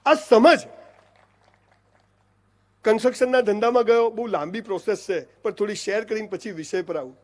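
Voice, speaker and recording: A man's voice: high voice, moderate pace, long pauses. A middle-aged man with a Gujarati accent giving an emphatic motivational speech to an audience, often calling listeners "saheb" and "boss". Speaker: motivational speaker.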